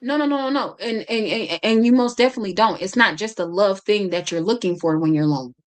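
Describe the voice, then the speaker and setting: A woman's voice: mid-range voice, fast. A woman hosting a podcast, chatting casually, talking a lot and often stumbling and restarting her sentences. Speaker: podcast host.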